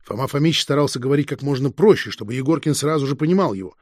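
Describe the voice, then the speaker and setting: Male audiobook narrator: husky, gravelly, measured, recorded dry. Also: mid-range voice, lively intonation, a little mellow, no echo.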